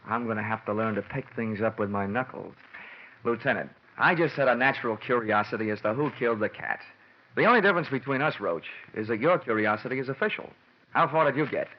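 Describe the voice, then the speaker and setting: In a muffled old radio recording with music, a man plays a wry, world-weary insurance investigator in a classic detective drama. His medium-pitched voice is fast and lightly acted over slight background noise, delivering hard-boiled narration in a dry, slangy, assured way.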